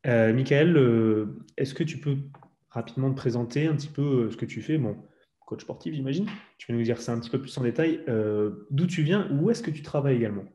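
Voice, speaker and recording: Brisk and warm in a mid-range voice, a man from France hosts a casual fitness podcast interview. His questions wander at length, full of filler words.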